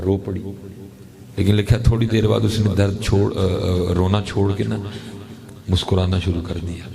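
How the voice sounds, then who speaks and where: A man's voice: low voice, gravelly, mellow. A man preaching a sermon, telling a story with acted dialogue and chanted verse.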